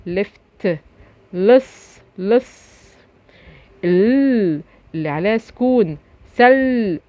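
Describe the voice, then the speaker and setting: Egyptian woman teacher drilling phonics slowly. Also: a little high, no echo. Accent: Egyptian Arabic. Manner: slow drawn-out syllable drilling with repetition. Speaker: primary school teacher. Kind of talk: children's phonics lesson. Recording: dry, slightly dull lo-fi recording.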